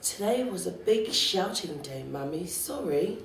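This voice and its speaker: A woman voicing a cranky little girl with shrill, stubborn outbursts. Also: big pitch swings, unhurried, slight background noise. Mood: sleepy. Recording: roomy, distant library recording.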